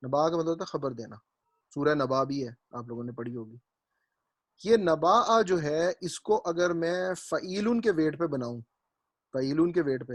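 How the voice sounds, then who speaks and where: In a classroom, a man with a somewhat high voice lectures on Arabic grammar, with no room sound in the recording. He breaks things down one step at a time, goes over his points again, and keeps making sure the students understand.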